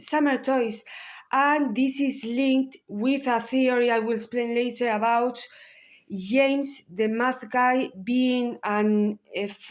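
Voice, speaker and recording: A woman in her thirties with a Spanish accent, giving a candid film analysis with blunt asides. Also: on the high side. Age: 30s. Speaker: video essayist.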